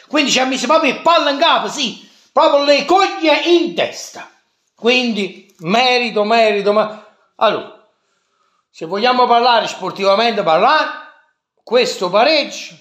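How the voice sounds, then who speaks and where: A man giving casual football commentary, halting and conceding, in an echoey room. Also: very high-pitched, sharp tone.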